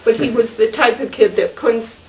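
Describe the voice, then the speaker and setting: A woman's voice: a little high, fairly quick, roomy sound, recorded from a distance. An older woman, the mother, remembering her son in a family interview with fond, amused storytelling. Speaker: mother of the fallen officer.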